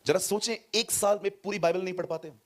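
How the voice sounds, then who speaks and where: A male pastor preaching a sermon to a congregation in a church hall. He is animated, swings between loud and soft, and mixes English words into his speech. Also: high-pitched, fast.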